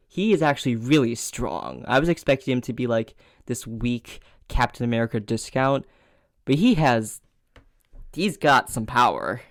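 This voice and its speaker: A man co-hosting a casual movie review podcast, opinionated and relaxed, with a few hesitations, close to the mic. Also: mid-range voice, no echo. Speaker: podcast co-host.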